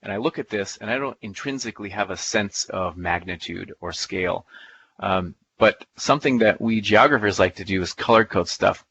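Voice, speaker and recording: A man giving a live software demonstration in a playful, folksy way, thinking aloud as he clicks through the steps. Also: lowish voice, normal speed, vocal fry, slightly rough, lo-fi sound. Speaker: presenter. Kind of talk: live software demo talk.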